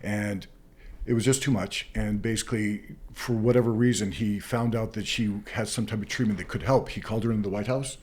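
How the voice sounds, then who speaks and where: A man's voice: lowish voice, steady tone, fairly quick, darkish tone. A man talking as a massage therapist being interviewed, explaining things casually through examples and anecdotes.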